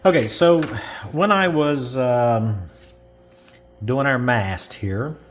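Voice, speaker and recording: A man's voice: medium pitch, slight background noise. A man casually walking through a model-building step, rambling and correcting himself as he goes. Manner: slow, rambling, self-correcting, chuckles. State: coughing from dust. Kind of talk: casual how-to narration.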